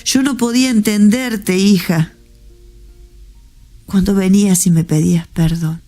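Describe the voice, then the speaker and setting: A woman voicing her late father, a gentle, apologetic man who speaks tenderly in a hushed, half-whispered voice. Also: medium pitch, fairly even intonation, unhurried, soft background music, lightly acted.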